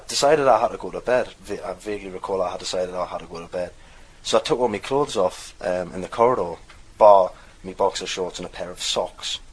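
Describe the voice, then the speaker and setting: In this dialect archive recording, a young North East Englishman with a mild Geordie lilt meanders through a story during a relaxed interview. His low voice is slightly rough, and the audio quality is poor.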